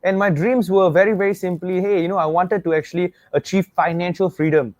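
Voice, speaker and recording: A young Singaporean man with a high-pitched, darkish voice hosts an online webinar, speaking briskly in a steady tone with a Singaporean English accent. He energetically gives a motivational pitch, repeats himself, and asks viewers to type answers. The recording is dry and muffled.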